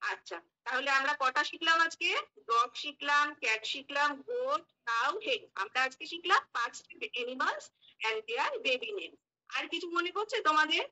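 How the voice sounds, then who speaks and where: A woman's voice: sits high, pushed and bright, poor audio. A woman giving a demo class to young pupils, speaking, spelling English words letter by letter and quizzing the class. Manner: spells words letter by letter, asks and answers questions; mixes English phrases into the lesson. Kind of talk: mock classroom teaching.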